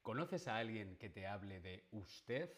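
Slow, patient teacher, a man. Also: on the low side, big pitch swings, fairly bright tone. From Spain. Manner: slow, patient, with rhetorical questions to the viewer. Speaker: Spanish teacher. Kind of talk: online language lesson.

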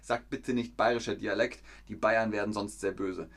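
A man giving a live-streamed German lesson, reading chat comments, quizzing viewers and slowly repeating and rephrasing sentences for learners, with playful joking asides. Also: on the low side, fairly even intonation, gravelly, fairly bright tone. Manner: asks viewers questions and reads out chat comments. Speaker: German teacher.

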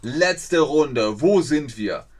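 A man's voice: a little high, lively intonation, drawn-out words. A young man streaming a geography guessing game, thinking aloud, reading viewers' chat and stumbling over foreign place names.

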